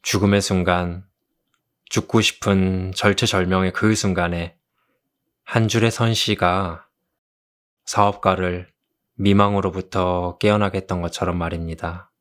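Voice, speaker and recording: A man doing an ASMR role-play as a kind therapist, speaking gently and consolingly like a tender romantic leading man. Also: low voice, fairly even intonation. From South Korea. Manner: gentle, consoling, slow storytelling. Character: kind, soothing male therapist comforting a patient. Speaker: ASMR role-play performer as a counseling doctor.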